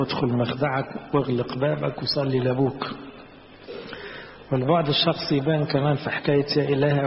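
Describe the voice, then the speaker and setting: A man with an Egyptian Arabic accent delivers a sermon, explaining scripture in a plain, teaching tone. His voice carries a long echo through a large hall. The recording sounds slightly dull, with faint noise behind it. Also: medium pitch. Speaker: preacher.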